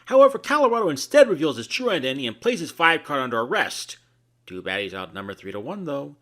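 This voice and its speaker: A man's voice: fairly high pitch, big pitch swings, quick pace, fairly bright tone. A man co-hosting a scripted cartoon review, adding commentary and joking asides.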